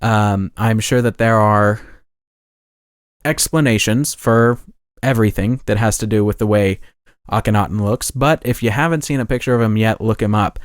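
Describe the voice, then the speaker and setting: A man's voice: lowish voice, moderate pace, smooth, no room sound, studio quality. A man hosting a podcast, talking casually in a rambling way with many restarts and self-corrections. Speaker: podcast host.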